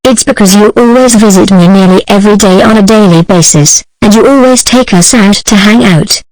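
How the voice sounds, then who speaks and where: A woman's voice: medium pitch, fairly quick, darkish tone, dry recording, lightly acted, low-quality recording. A woman voicing a female plant-eating dinosaur from a children's show, in stiff, evenly worded cartoon dialogue. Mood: scolding.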